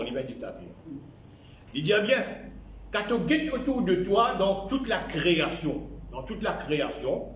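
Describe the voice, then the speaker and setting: A fairly high-voiced man with a Mauritian accent preaches a sermon, his pitch rising and falling widely. He repeats key phrases and slips English words into his talk. The sound carries the echo of a church hall. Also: a little hiss or hum. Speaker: pastor.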